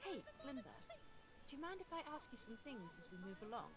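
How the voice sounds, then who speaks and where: Earnest young female scout, video game, encouraging, animated pitch. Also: quick pace. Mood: friendly.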